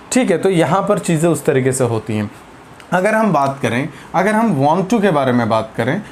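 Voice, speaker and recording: A teacher from India giving a spoken grammar lesson, saying English example sentences slowly and deliberately and often adding encouraging "very good" and "okay". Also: medium pitch, slight background noise. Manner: repeats "very good" and "ठीक है" as encouragement.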